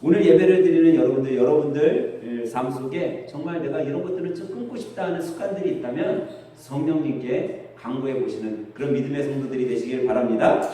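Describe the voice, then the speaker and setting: A middle-aged man preaching a sermon as pastor, telling stories in a chatty, lively way. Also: medium pitch, fairly quick. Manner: conversational storytelling, lively with laughs. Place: church sanctuary. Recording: very echoey church hall, distant mic.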